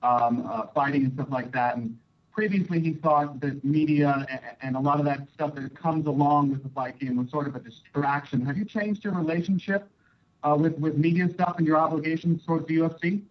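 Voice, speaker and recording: Over a dull, lo-fi conference call line, a male sports reporter asks casual questions that hesitate and ramble. His voice runs a little high and his pace is fairly quick.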